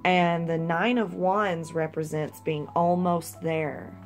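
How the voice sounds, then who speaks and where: A woman's voice: lowish voice, steady tone, takes it slowly, faint music behind. A young woman giving a casual, rambling tarot reading with some swearing. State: hiccups. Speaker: tarot reader.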